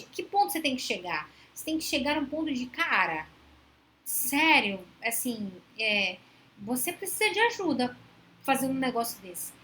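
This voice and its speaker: A woman's voice: on the high side, a bit bright. Female psychologist, live-stream host; conversational, voices quoted couples, faint background hiss. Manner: conversational, acts out quoted dialogues in shifting tones. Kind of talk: casual live-stream talk to viewers.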